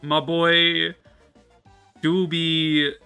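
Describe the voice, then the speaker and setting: A man's voice: fairly high pitch, completely flat delivery, very slow, creaky, pushed and bright, clear, resonant tone, faint music behind. A man giving casual, jokey playthrough commentary as a gaming streamer.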